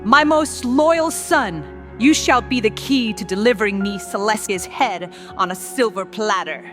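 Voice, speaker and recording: A woman's voice: medium pitch, lightly acted. A woman voicing a regal, scheming insect-like changeling queen in a fantasy audio story, grandiose and menacing. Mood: scheming, triumphant. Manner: slow, grandiose, deliberate monologuing. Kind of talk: dramatic audio story acting. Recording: music behind the voice.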